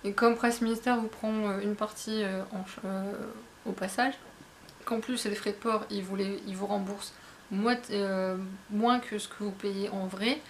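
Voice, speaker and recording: A woman's voice: medium pitch, fairly even intonation, normal speed, a little hiss or hum. A young woman chatting casually to camera while unboxing a book box at home, with lots of fillers and restarts. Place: at home, indoors.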